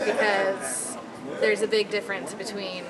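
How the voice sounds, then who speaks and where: A woman in her thirties talks frankly about her own life to an interviewer. Her voice sits at an ordinary middle pitch. A loud conference crowd murmurs behind her in a big indoor hall. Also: steady tone, measured pace, very noisy. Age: 30s. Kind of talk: casual interview answers.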